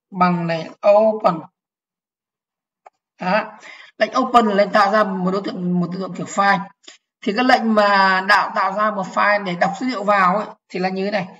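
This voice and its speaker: A woman's voice: medium pitch, fairly bright tone, dull audio. A woman teaching programming in an online lecture, explaining step by step, repeating key phrases and asking if the class follows.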